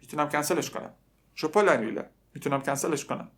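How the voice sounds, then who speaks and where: A young man teaching a language lesson, slowly repeating phrases and conjugating verbs aloud, with joking asides. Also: a little high, a bit bright. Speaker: French teacher.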